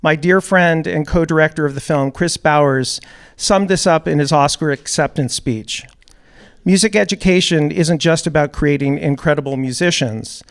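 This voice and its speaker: A man hosting a town hall, delivering a prepared opening speech a little nervously to an audience in a hall. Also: fairly high pitch. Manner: a little nervous, reads measured remarks. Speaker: event host, music producer.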